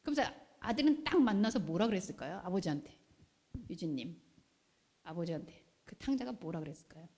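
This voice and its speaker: Animated woman preaching in a reverberant hall. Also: lowish voice, fairly quick. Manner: animated, asks the congregation questions. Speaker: pastor. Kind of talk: sermon. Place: church hall.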